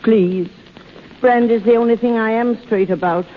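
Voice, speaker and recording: A woman's voice: a little high, normal speed, close to an everyday voice. Casting: woman playing elderly swindler aunt, hard-drinking, blunt, wisecracking; 1930s radio style, dull noisy recording. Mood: sardonic. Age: older.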